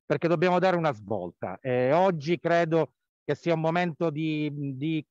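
Male activist calling in by phone from a square, dull lo-fi line, very dry sound, slightly high voice, halting delivery. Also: a little mellow, dry recording. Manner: halting, many fillers and restarts. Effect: over the phone. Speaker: health care worker and committee activist. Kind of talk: live report at a rally. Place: outdoor town square. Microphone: mobile phone.

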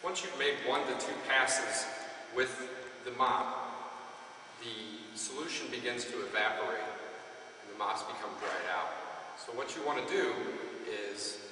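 A man's voice: medium pitch, unhurried, pushed and bright. A middle-aged man demonstrating floor cleaning, giving plain step-by-step instructions in a large indoor gymnasium, recorded from a distance on the camera mic. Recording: echoey gym from far off, hiss.

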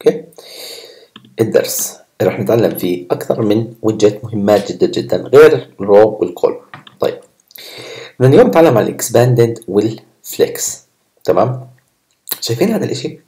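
A programming instructor with a lowish, mellow voice runs a casual coding tutorial, chatting with viewers while he types at his computer. He's very animated and talks fast, yet leaves long pauses. Keyboard clicks fill the background.

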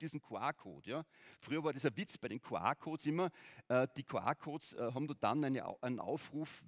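A middle-aged man giving an informal keynote talk to a conference audience, often checking in with them. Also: mid-range voice. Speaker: conference speaker. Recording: reverberant conference hall.

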